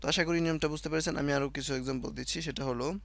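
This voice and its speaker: A man's voice: a little high, steady tone, very fast, vocal fry, a bit bright. A man teaching French in a casual spoken lesson, explaining step by step and correcting himself often. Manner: explains step by step, repeats himself, many fillers and self-corrections.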